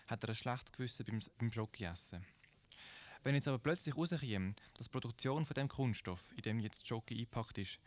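This is a scripted radio commentary read by a man of medium pitch who has a Swiss German accent. His delivery is calm and explanatory, punctuated by rhetorical questions.

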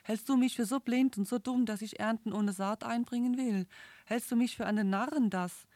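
A woman's voice: mid-range voice, steady tone, normal speed, mellow, no room sound, close to an everyday voice. A woman reading the part of a poor, proud farmer husband who snaps harshly under pressure. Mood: angry. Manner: harsh, exasperated outbursts. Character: desperate poor male farmer, proud and quick-tempered.

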